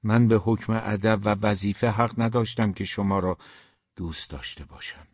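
A man's voice: lowish voice, steady tone, no room sound, close to an everyday voice. A man voicing a timid, brooding grown man who speaks in a subdued, hesitant way, in a dull, dry recording.

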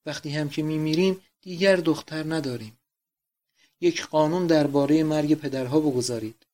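A man's voice: fairly high pitch, close to an everyday voice. A man voicing a dying old father who pleads feverishly for his daughters.

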